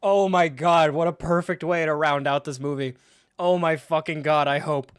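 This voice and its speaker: A young man reacts live to a film for his viewers. His sarcasm and swearing build into incredulous rants. His slightly high voice is recorded close and dry. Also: steady tone, normal speed, clean tone, no echo.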